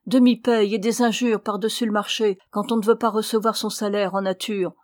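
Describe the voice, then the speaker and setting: A woman's voice: mid-range voice, level tone, a little fast, no echo, lightly acted. A woman reading Alessandro, an anguished young man. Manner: urgent, impassioned pleading.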